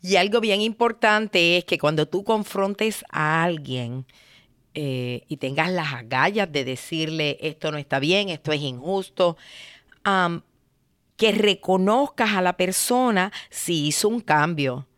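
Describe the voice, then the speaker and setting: A woman hosts a podcast and gives direct, animated advice, slipping into short acted dialogues as examples. Her voice sits low and sounds smooth and clear. The recording is dry and close, with no room echo. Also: unhurried. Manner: animated, acts out sample dialogues. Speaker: podcast host.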